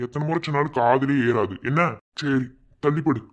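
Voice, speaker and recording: A man voicing a caring older brother who scolds gently, with a Madurai Tamil accent. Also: mid-range voice, fairly quick, dull audio, lightly acted. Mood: concerned. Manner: scolding yet caring, village speech.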